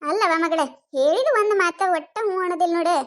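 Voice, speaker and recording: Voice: very high voice, fast talker, fairly bright tone. A performer voicing a nagging village mother-in-law with a North Karnataka accent in a cartoon comedy. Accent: North Karnataka Kannada. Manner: coaxing, nagging.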